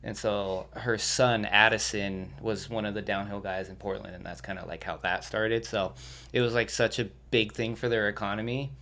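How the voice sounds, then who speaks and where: Chill young guy telling stories on a podcast, kinda low voice, cusses a lot, laughs a bunch. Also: level tone, moderate pace, bright, forceful tone. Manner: laid-back, swears freely, laughs between stories. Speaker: podcast guest. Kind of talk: casual storytelling.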